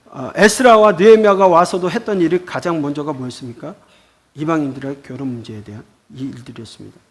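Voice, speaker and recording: A man teaching a Bible school lecture, explaining scripture with rhetorical questions. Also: fairly high pitch.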